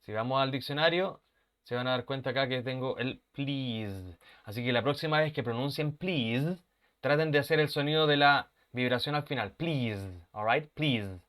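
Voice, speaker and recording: A man's voice: medium pitch, moderate pace, fairly bright tone, clean tone. A man teaching an online English class, patiently repeating words for pronunciation drills and laughing at his own mistakes.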